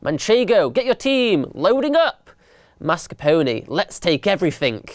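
A man voicing a scheming mouse gang boss with a crisp, officious, commanding manner. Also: on the high side, sing-song, measured pace, no room sound, clean studio sound.

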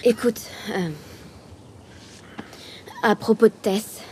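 A woman playing a young teenage girl in a game dub, speaking hesitantly and haltingly. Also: mid-range voice, fairly even intonation, background noise, close to an everyday voice. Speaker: game character, French dub.

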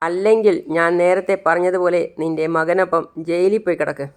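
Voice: medium pitch, steady tone, brisk, clear, resonant tone, lightly acted. A narrator playing a distrustful older man who mocks and scorns the remorseful father in a retold serial. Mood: mocking. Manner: scornful, teasing.

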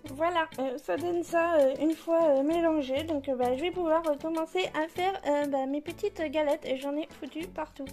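A woman's voice: sits high, steady tone, normal speed, few pauses, darkish tone, faint music behind. A woman in her thirties casually talking through a home cooking tutorial in her kitchen, chatty and full of fillers. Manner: chatty, many fillers, laughs at herself. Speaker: home cook vlogger.

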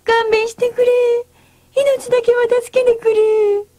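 Woman playing panicky, high-pitched young men. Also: very animated, extremely slow, darkish tone, full character voice. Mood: pleading. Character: two frightened young village men.

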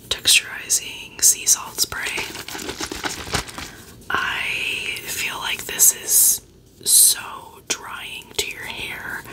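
Casting: female, twenties, whispered ASMR host, chatty and casual, slow-paced, hushed unvoiced delivery. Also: rough recording. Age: 20s. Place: small dim bedroom, indoors.

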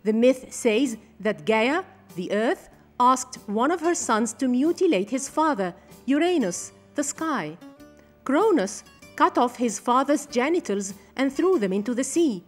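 A woman's voice: sits high, unhurried. Woman narrating over faint music. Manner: steady, formal reading. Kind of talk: scripted documentary narration.

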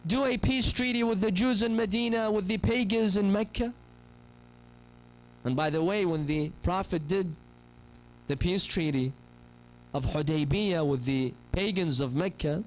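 A man's voice: sits high, low-quality recording. A man in his thirties preaching a sermon from a pulpit chair into a gooseneck mic, telling stories with passion and acting out the people in them. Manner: impassioned storytelling, voices the people in his stories. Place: mosque hall, seated on a pulpit chair. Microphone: gooseneck microphone on a stand.

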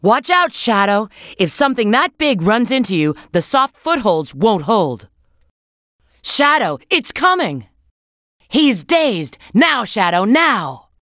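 A woman's voice: fairly high pitch, sing-song, slow pace, fairly bright tone, no echo, studio quality, full character voice. A woman voicing a confident, sly adult female bat treasure hunter in a video game, coaching with a cool, knowing tone. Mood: urgent. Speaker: game character giving hints. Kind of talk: game voice acting.

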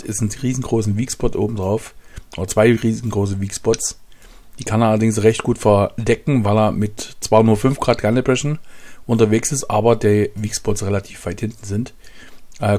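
Low-voiced man talking through tank stats. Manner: relaxed, thinking aloud with many fillers. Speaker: gaming channel host. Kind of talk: casual game commentary. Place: home room at a desk.

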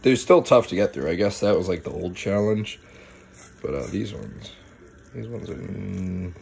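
A young man with a low voice and plenty of vocal fry rambles casually for a homemade vlog. He is laid-back and slangy, swearing freely. There is faint noise in the recording. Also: lively intonation, moderate pace, darkish tone. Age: young adult. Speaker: food challenge vlogger. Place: at home, kitchen and small room. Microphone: handheld phone, later camera on desk.

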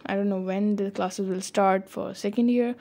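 This cheerful vlog is narrated by a young woman who mixes English and Hindi-Urdu, filmed out in village fields and inside a restaurant. Music sits beneath her voice, which is gravelly and medium-pitched, with fairly even intonation and a normal pace.

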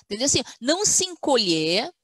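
Woman on a webinar, animated, stern mom voice for the quotes, dry sound. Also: a little high, brisk, husky, no echo. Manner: animated, acts out quotes in a firm "mother's voice". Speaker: guest speaker, university academic. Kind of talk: webinar conversation, storytelling.

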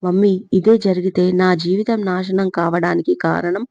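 A woman's voice: fairly low pitch, fairly even intonation, normal speed, gravelly, darkish tone, no room sound. A woman voicing a distraught young woman who speaks in an accusing, tearful way. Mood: desperate. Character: distraught young woman, bitter toward her mother. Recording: slightly dull lo-fi recording.

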